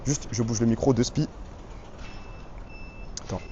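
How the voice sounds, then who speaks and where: Speaking in a mid-range voice that's unhurried, dark, and a bit breathy, this man streams live on a stabilized handheld phone rig. He banters in slang with his audience and reads their chat aloud, and the recording lacks high frequencies.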